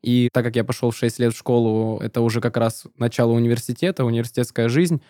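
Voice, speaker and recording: A man's voice: mid-range voice, steady tone, fast talker, dark tone, no echo. A twenty-one-year-old man co-hosting a casual studio podcast, earnest and thinking aloud. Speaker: podcast co-host.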